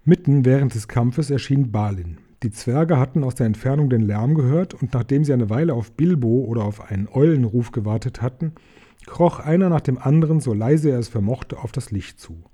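A man reading a storybook aloud in calm, measured narration. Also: mid-range voice, husky. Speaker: audiobook reader.

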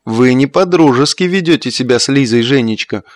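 A man's voice: mid-range voice, expressive, fairly quick, no echo, natural voice. A man reading a lecturing, reproachful matron. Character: reproachful middle-aged mother, a lady of the house.

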